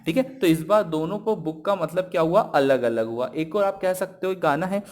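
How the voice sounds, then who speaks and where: A man's voice: fairly high pitch, darkish tone. A man teaching a Hindi grammar lesson, explaining each point step by step and asking rhetorical questions as he goes. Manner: reads example verses slowly and deliberately.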